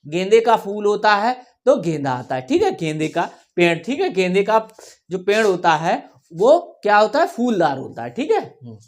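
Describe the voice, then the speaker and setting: A woman teaching a children's workbook lesson, reading words slowly and repeating them for the class to follow, often checking in as she goes. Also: mid-range voice, very animated. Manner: slow, repeats words for children to read along; checks in often with "theek hai". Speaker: primary school teacher.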